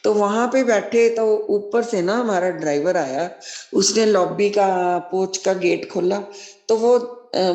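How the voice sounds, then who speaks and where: A woman's voice: mid-range voice, mellow. A middle-aged woman sharing a devotional testimony, earnest and devout, often repeating blessings. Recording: roomy echo.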